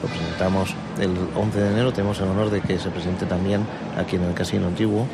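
A man's voice: deep voice, level tone, quick pace, creaky, over loud music. A man with an accent from Spain answering as a club spokesman in a live radio interview, in formal wording with some hesitations. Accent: Spanish, from Spain. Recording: noisy outdoor urban setting with traffic. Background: street and vehicle noise.

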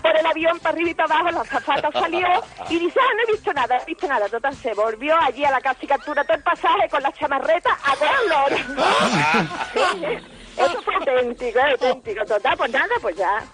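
A woman's voice: sits high, lively intonation, a little fast, a bit bright, rough recording. A woman, telling a story as a caller on a radio show and acting out the voices of the people in it. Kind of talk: phone-in anecdote on a radio show.

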